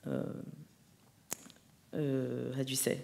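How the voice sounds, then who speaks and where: An art teacher speaks hesitantly in a panel conversation before an audience in a large hall, often searching for his English words. His mid-range voice is slow, monotone, creaky, and a little mellow.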